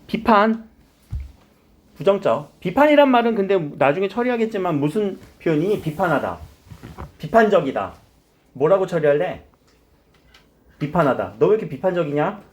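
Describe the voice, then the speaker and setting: A middle-aged man with a high voice speaks at normal speed, pausing often, while teaching literature to a classroom. In this lively lecture he explains terms and frequently quizzes his students.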